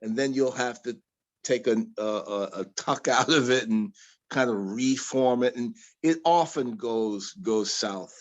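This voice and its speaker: A man, a guest bladesmith, talking haltingly with restarts in a casual interview over a video call. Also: medium pitch. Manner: halting, with many restarts and fillers.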